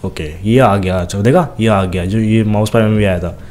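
Young man, game commentator, lowish voice, fast teasing chatter, faint background hiss. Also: a little mellow. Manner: chatty, teasing enemies, talks fast while playing. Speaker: gameplay commentator.

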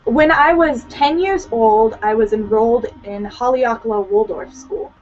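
Unhurried and fairly high-pitched, a teen student from Hawaii talks casually as a guest on a video call, leaning on "like" and "you know." She speaks from a small home room through her computer, and the call audio is dull and lo-fi.

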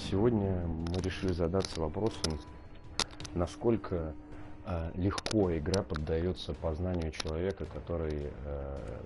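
A man chatting casually and haltingly as he streams a game live. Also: rumbling low, noisy background. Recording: voice under loud game music. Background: loud fighting game sound.

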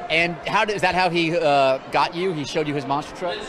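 A man's voice: on the high side, fairly quick, fairly bright tone, some chatter behind. A man casually interviewing someone on a handheld microphone for radio. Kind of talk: casual vox-pop interview. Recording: very noisy indoor venue.

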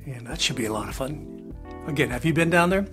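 Older texas guy chatting to camera, lots of uhs, soft music under it. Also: medium pitch, lively intonation, fairly quick. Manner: rambling, many "uh" fillers, folksy asides. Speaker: RV travel vlogger. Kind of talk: casual talking-head update. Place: plain indoor room, grey wall.

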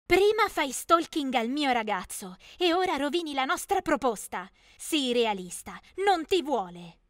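A woman's voice: high-pitched, big pitch swings, measured pace, dry recording, studio quality. A woman voicing a smug young woman, the new girlfriend, who speaks in a mocking tone.

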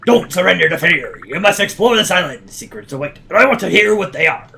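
A man putting on a gravelly pirate captain. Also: high-pitched, lively intonation, fairly quick, pushed and bright, slight background noise, heavily acted. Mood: rousing. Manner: growling pirate drawl, theatrical. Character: gruff old male pirate sea captain, bold. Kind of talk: reading game dialogue aloud.

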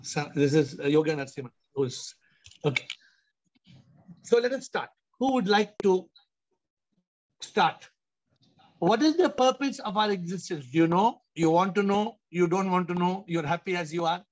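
High-voiced Indian-accented male spiritual teacher. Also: animated, normal speed, pauses often. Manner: emphatic, repetitive, rhetorical questioning. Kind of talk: question-and-answer spiritual discourse. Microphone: video call. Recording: dull compressed video call audio.

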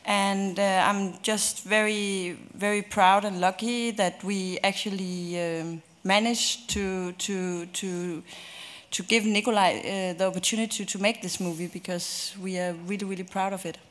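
A woman's voice: mid-range voice, fairly even intonation, unhurried, a bit bright. A woman film producer from Denmark answers earnestly into a table microphone, repeating words as she searches for them. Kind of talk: press conference answer. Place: large press conference room.

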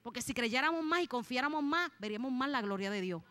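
A woman with a Puerto Rican accent giving a fervent church testimony, stretching and rushing her words for emphasis. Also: sits high, lively intonation, bright, forceful tone. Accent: Puerto Rican Spanish. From Puerto Rico. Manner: fervent, preacherly, speeds up and slows down for emphasis. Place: church sanctuary.

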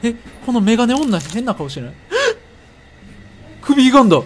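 A man with a Kansai accent, commentating a horror game, excitable and jumpy with loud reactions. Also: very high voice, unhurried, slight background noise. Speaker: gaming streamer. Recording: game music playing behind.

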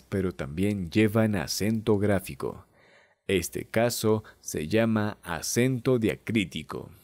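Slow, careful male textbook reader. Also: on the low side, darkish tone, dry recording, clean studio sound. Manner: slow, careful reading of example words one by one. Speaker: language teacher reading a textbook. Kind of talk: slow read-aloud lesson.

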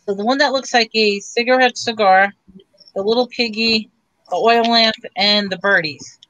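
A woman's voice: fairly high pitch, normal speed, fairly bright tone, lo-fi sound, a little hiss or hum. A woman running a casual live-stream auction, describing items in a chatty, loose way full of fillers. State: throat tickling, coughing.

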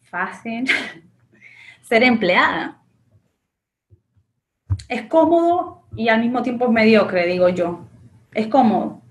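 Self-assured Argentine woman, earnest. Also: fairly high pitch. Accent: Argentine Spanish. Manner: earnest and self-assured, with many fillers and restarts. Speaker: interview guest, accountant and business owner. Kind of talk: reflective interview answers. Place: small indoor office with a framed picture.

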